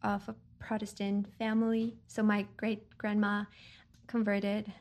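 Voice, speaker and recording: A woman from Chile sharing her faith testimony as a podcast guest, earnest and reflective, pausing often with ums. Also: medium pitch, completely flat delivery, a little mellow.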